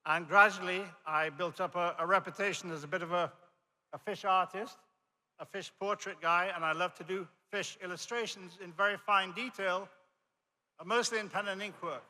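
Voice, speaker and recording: Speaking at a steady, moderate pace, an older Jamaican commencement speaker addresses a large, echoing hall from a podium in his Jamaican accent. His high voice sounds pushed and bright, and he comes across as friendly and self-deprecating, telling stories as he goes.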